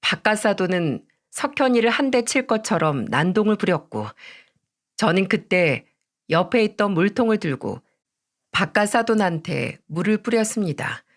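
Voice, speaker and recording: Woman narrating a family story calmly. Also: medium pitch. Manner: calm, recounting.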